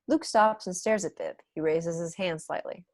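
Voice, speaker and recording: A young adult woman with a lowish, darkish voice reads stage directions as the narrator in an online table read, at a normal speed. She's in a small room at home on a video call, using wired earphones, yet the recording is dry and studio quality.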